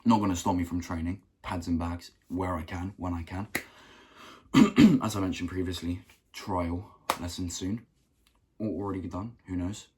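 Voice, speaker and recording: Young male vlogger, low husky voice, earnest motivational delivery with a rough throat. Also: fairly even intonation, normal speed, a little mellow. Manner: earnest, repeats himself for emphasis. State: keeps clearing his throat. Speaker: self-improvement vlogger. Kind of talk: motivational talk to camera.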